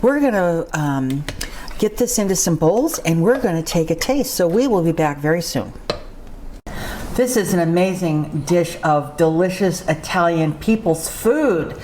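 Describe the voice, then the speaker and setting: A woman with a slightly low voice narrates while cooking, chatting casually as a home cook hosting a show. She talks conversationally and often repeats a phrase for emphasis. Clear kitchen noise sits behind her. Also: a little mellow.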